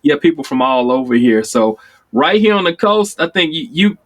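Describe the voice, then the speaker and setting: A man in his forties from Chicago, telling stories in casual conversation, acting out quoted lines with sudden jumps in pitch. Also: moderate pace. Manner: animated storyteller, acts out quotes with sudden high pitch jumps. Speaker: guest.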